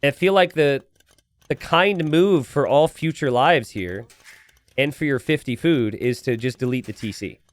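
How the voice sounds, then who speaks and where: A man giving live, casual and joking video game commentary to a stream, prone to excitable, repeated exclamations. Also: mid-range voice, unhurried, no room sound. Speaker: esports commentator. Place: indoors at a computer.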